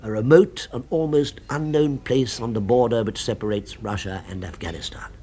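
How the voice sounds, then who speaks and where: An actor playing a fervent, food-obsessed gentleman in a 1970s British radio drama, with precise, florid, emphatic speech. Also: medium pitch, normal speed, breathy edge, close to an everyday voice. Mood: fervent, reverent.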